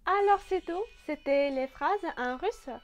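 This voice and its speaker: A woman with a Russian accent, a native Russian speaker teaching a language lesson, slow and careful, repeating each phrase with frequent hesitations. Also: extremely high pitch, animated.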